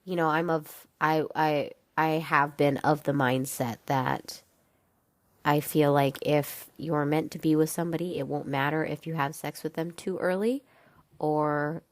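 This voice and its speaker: A young woman hosts a casual solo podcast, talking frankly and chattily with lots of fillers and some swearing, and she sounds congested. Her low voice is unhurried with fairly even intonation, and the recording is dry.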